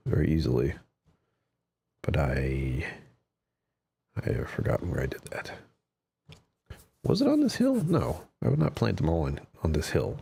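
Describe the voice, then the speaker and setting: A man plays a survival game on a live stream, chatting in a low-pitched, mellow voice with vocal fry and a little hiss or hum in the audio. His voice is slightly strained as he muses to himself and trails off into whispers.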